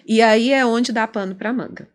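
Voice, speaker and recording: A woman clinical psychologist with a Brazilian accent, explaining ideas in an animated conversational interview. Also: a little high, normal speed. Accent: Brazilian Portuguese. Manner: animated, explanatory, acts out quoted dialogue.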